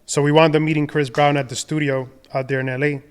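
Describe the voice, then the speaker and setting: Smooth-voiced man telling his story. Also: fairly high pitch, quick pace. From Dominican Republic. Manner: relaxed, rambling, many fillers and restarts. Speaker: podcast guest, designer and entrepreneur. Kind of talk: casual conversational storytelling.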